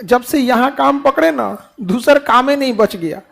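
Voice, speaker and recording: A man's voice: extremely high pitch, normal speed, gravelly, a bit bright. A middle-aged man giving a classroom motivational talk to students, full of rhetorical questions and playful mimicked dialogue. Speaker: teacher addressing students.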